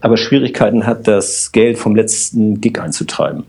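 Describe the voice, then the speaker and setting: A man, a systemic coach and podcast guest, explaining his work calmly with everyday examples. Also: lowish voice, moderate pace, gravelly, slightly rough. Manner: explains with everyday examples, addresses host directly. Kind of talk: calm explanatory conversation.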